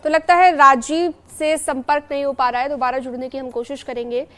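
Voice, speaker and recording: A woman's voice: high voice, fairly even intonation, fairly quick. A woman anchoring live television news, describing pictures fluently and handing over to reporters.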